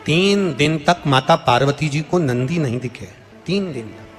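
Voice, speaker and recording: Higher-voiced man preaching a sermon in a hall. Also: expressive, a little slow. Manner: repeats phrases for emphasis, calls to the audience. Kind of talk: devotional sermon, storytelling. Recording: long hall reverb with faint music.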